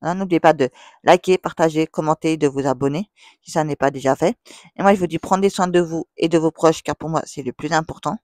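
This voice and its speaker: A woman's voice: sits low, a little fast, darkish tone, dry recording. Blunt, chatty woman vlogger, dry sound. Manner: blunt, chatty, repeats "voilà" often. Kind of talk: casual vlog monologue to subscribers. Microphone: plugged-in microphone that makes her sound loud.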